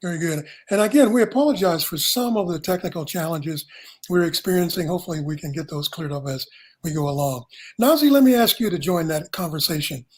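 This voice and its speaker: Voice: mid-range voice, expressive, fairly quick. A moderator hosting a televised panel discussion in a polished, welcoming way. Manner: polished, welcoming host patter.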